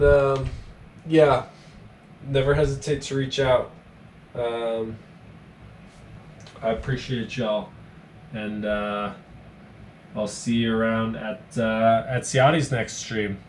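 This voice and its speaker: A man's voice: medium pitch, slight background noise. A man chatting casually on a live stream while building drones, rambling with fillers, his voice tired from hours of talking. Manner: relaxed, rambling, many fillers and pauses. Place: home workbench.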